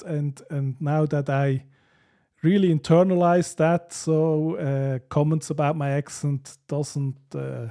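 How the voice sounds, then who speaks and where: With a fairly high, mellow voice, the host from Switzerland works through viewer comments on a casual live stream. His Swiss accent colors hesitant, filler-heavy sentences broken up by frequent laughter.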